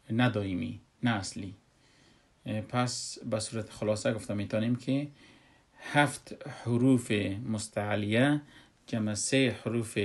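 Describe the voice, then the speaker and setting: A man with an Afghan Dari accent teaching a tajweed lesson, explaining step by step with many fillers and slowly chanting example words. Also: medium pitch. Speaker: Quran recitation teacher.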